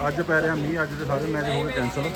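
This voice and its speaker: A man's voice: on the high side, level tone, very fast, a loud crowd. A man with a Punjabi accent hosting a casual vlog, narrating and bantering on the go. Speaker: vlogger hosting the video. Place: on the move, in a vehicle and outdoors.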